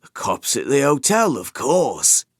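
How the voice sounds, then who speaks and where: A man's voice: medium pitch, huge pitch swings, measured pace, no room sound, voice pushed up, full character voice. A man voicing a cold male gang boss in an audiobook, speaking in a dry, unimpressed tone.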